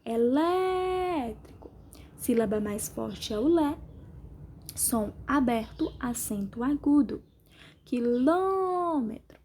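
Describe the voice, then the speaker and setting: A woman teacher from Brazil, patiently going through the answers of an exercise for her class and spelling them out slowly. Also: on the high side, warm tone, a little hiss or hum. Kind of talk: remote class lesson, correcting exercises.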